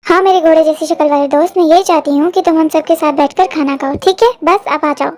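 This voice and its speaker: A very high-voiced reader playing a bossy young woman who scolds the household. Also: fairly even intonation, quick pace, darkish tone, lightly acted.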